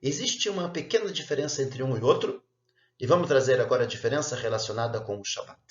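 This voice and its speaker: A man giving an earnest religious lesson, explaining each point in a measured way. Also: medium pitch, echoey room, dull audio. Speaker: religious teacher.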